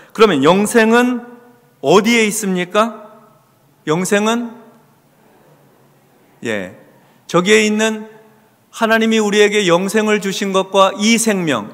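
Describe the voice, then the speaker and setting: Pastor, male, high and animated delivery, teaching sermon in a church with long reverb. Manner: lively preaching, asks the congregation questions and answers them. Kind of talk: Bible study sermon. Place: church sanctuary.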